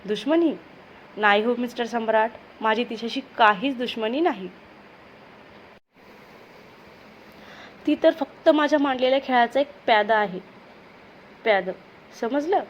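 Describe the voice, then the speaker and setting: A woman's voice: on the high side, moderate pace, muffled recording, slight background noise, lightly acted. A woman with a Marathi accent voicing a scheming, smug young woman villain who drawls and taunts. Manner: mocking, drawling, coaxing.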